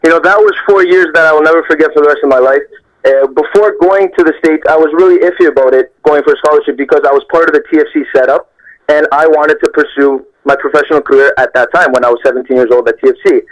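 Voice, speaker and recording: A young Canadian pro footballer gives a phone interview on a muffled line, reflecting on his story. His slightly high voice moves fast, and his earnest delivery keeps circling back to repeated phrases for emphasis.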